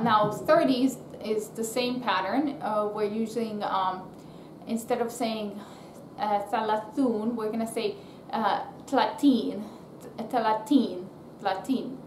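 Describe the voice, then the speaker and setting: A woman giving an informal counting lesson, halting and thinking aloud as she teaches. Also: a little high. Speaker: language teacher. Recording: echoey room with faint background noise.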